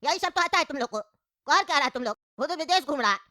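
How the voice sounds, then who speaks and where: Woman doing a cranky old cartoon grandpa, bright high voice, dry sound. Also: lively intonation, fast talker, no echo. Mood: angry. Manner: scolding, indignant, rustic talk. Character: grumpy old grandfather, loud and quarrelsome. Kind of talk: cartoon voice acting.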